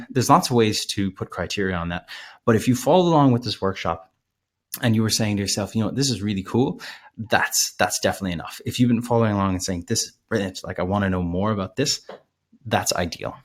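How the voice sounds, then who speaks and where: A man presenting a live webinar, talking casually with many fillers and restarts, his voice a little hoarse. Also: on the low side, quick pace. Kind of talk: live webinar sales pitch.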